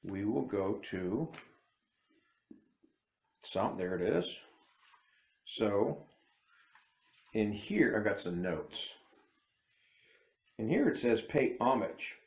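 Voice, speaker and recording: Very animated yet very slow, with frequent pauses, a low, darkish-toned man delivers casual bible commentary to camera as an independent teacher. A native English speaker, he rambles conversationally and keeps cutting off and restarting sentences, in a reverberant space.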